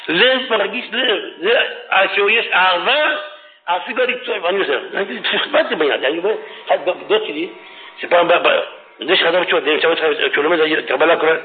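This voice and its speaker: A middle-aged man preaching a fiery religious sermon, swinging between shouting and hushed tones. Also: on the high side. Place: religious study hall. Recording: tinny phone-like radio recording.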